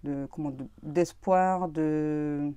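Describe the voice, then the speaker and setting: A woman doing a tarot reading to camera, talking casually and gently, with many fillers and restarts. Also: low-pitched, fairly even intonation, slow, clean tone, no room sound. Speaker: tarot reader.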